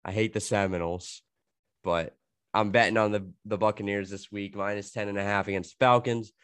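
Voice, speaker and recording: A man's voice: fairly low pitch, fairly even intonation, a little fast, fairly bright tone, clear, resonant tone, no echo. A young man co-hosting a podcast in casual chat, sick with a cold and coughing, rambling with lots of "like" and laughing as he talks. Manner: rambling, heavy filler "like", laughs a lot. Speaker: podcast co-host.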